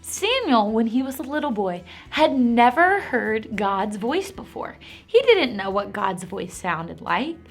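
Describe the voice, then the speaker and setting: An animated, encouraging woman who teaches a Bible lesson to preschool children. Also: a little high, a little slow, hardly any pauses, faint music behind.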